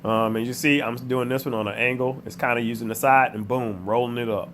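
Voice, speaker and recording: A man's voice: medium pitch, steady tone, a little fast, fairly bright tone, slight background noise. A man who sounds under the weather gives a casual, plain-spoken how-to voice-over, explaining each step directly to the viewer. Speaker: contractor giving an install tutorial.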